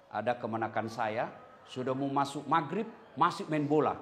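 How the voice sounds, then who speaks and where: A middle-aged man preaching an Islamic sermon to a live audience, animated and joking, acting out the people he quotes. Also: mid-range voice, moderate pace, a little hiss or hum. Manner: animated, acts out quoted voices, jokes with the audience.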